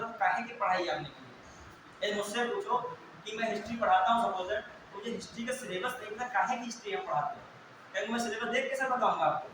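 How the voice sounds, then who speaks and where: A young adult male teacher giving a classroom lecture, quizzing students and answering his own questions. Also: high-pitched. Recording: very echoey room, distant mic, clear hiss.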